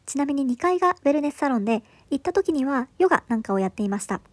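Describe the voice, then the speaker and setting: A woman's voice: high voice, expressive, rapid-fire, darkish tone. A woman in her thirties giving an upbeat, enthusiastic scripted voice-over for a travel vlog, recorded indoors. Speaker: travel vlogger.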